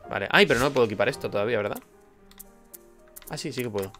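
A man's voice: medium pitch, animated, quick pace. Man swearing through a game. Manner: exclaims and swears at hits, chatty asides. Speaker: gameplay streamer. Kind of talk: casual let's-play commentary. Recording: game soundtrack loud behind voice. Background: game music.

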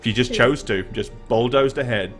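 A man's voice: mid-range voice, normal speed, loud music behind the voice. A middle-aged man narrating a tabletop game off the cuff as dungeon master. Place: indoor room at home, on a group video call.

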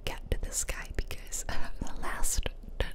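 A tired game streamer whispers playful ASMR commentary as she plays a video game, her voice soft and drawn out.

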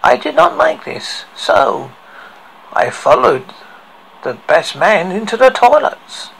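A man voicing a deranged, tormented killer in a creaky, gravelly voice, telling a horror story with slow, halting, theatrical delivery on an amateur recording. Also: high voice, wildly swooping pitch, fairly bright tone, voice pushed up, exaggerated voice, poor audio. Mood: menacing. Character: deranged male killer tormented by worms in his head. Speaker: horror host. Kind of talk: dramatic horror story recital.

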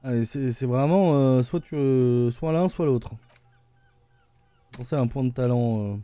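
A man's voice: medium pitch, unhurried, warm tone, clean tone. A man with a French accent giving casual live-stream commentary while playing a game, rambling and hesitant with lots of fillers. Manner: rambling, hesitant, lots of "euh" and repeated "attendez".

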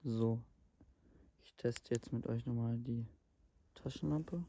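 A man's voice: medium pitch, slow pace, mellow, slight background noise. A young man vlogging outdoors at night in the woods, exhausted and soaked, talking in a plain, tired way full of fillers into an action camera held close. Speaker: survival vlogger. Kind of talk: casual outdoor vlog commentary.

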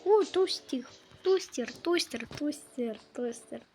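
Slow-talking woman scolding through a game. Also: high-pitched, lively intonation, a little mellow, faint music behind. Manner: scolding, swearing often, talks to the game characters; slow, drawn-out delivery. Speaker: gameplay commentator. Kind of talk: casual let's-play commentary.

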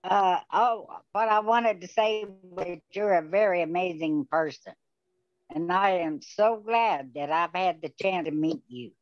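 A woman talks very slowly and sincerely. Her call audio is dull and lo-fi, with a dry close sound and faint music behind her. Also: on the low side, dry recording. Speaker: book study participant. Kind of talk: casual video-call chat.

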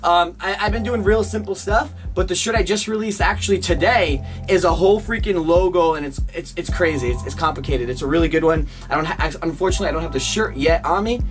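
High-voiced young man vlogging. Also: quick pace, hardly any pauses, soft background music. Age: young adult. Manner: slangy, chummy address to viewers. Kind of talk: casual vlog chat to camera. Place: small home rooms, indoors.

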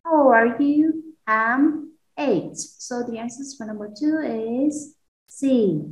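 A Vietnamese-accented woman teaching an English class to children, slow and patient, repeating answers for pupils. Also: on the high side, breathy edge, no echo, low-quality recording. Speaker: primary school English teacher. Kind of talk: online class lesson.

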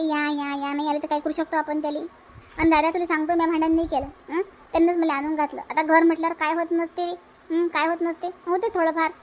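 A woman's voice: high-pitched, slight background noise, lightly acted. A woman voicing a defiant young married woman in a cartoon dub, with a Varhadi Marathi accent and an aggrieved, insistent way of speaking. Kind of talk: cartoon dubbing.

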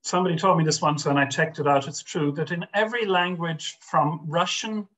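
On a low-quality webcam recording, an older Irish guest scholar talks fairly quickly from his home study, his voice on the high side and fairly bright. He sounds thoughtful but unsure, with many restarts and fillers.

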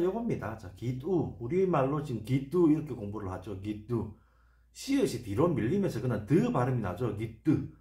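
A man teaches from slides in a room with a lot of echo. He sounds out words slowly and repeats them, and his voice rises and falls over a wide pitch range. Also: mellow. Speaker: channel host explaining words. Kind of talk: lecture over on-screen slides.

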